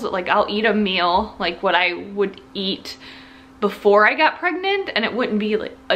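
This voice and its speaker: A young woman from Ohio, a vlogger, gives a casual, rambling update in a medium-pitched, fairly bright voice. She restarts sentences and laughs a little as she goes.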